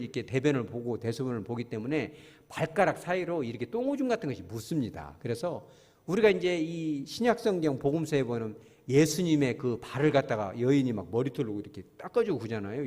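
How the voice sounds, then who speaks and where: A man's voice: a little high, a little mellow, long reverb tail. A male pastor preaching a folksy sermon, often asking the congregation questions.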